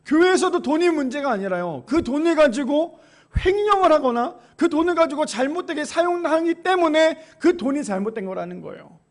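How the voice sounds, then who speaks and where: A man's voice: extremely high pitch, big pitch swings, brisk. A man preaching a Sunday sermon as pastor, telling stories and putting questions to the congregation. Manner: storytelling, asks the congregation questions and answers them. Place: church sanctuary.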